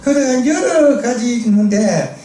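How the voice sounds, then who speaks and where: Gyeongsang-accented preacher in echoey church. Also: male voice, very high voice, animated, a little slow, mellow, slight background noise. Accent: Gyeongsang dialect Korean. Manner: chatty, storytelling, asks the congregation for responses. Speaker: missionary preacher. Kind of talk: sermon with humorous stories. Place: church sanctuary. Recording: echoey church hall, distant mic.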